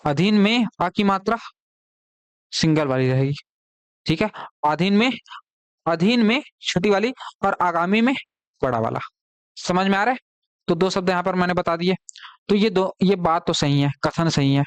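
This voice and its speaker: Male teacher w/ chhattisgarh hindi accent, repeats words a lot, quizzes the class, kinda high voice, dry close mic. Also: animated, moderate pace, pauses often, clear, resonant tone, no echo. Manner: explains patiently, repeats key words, asks students questions. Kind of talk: live online exam-prep class.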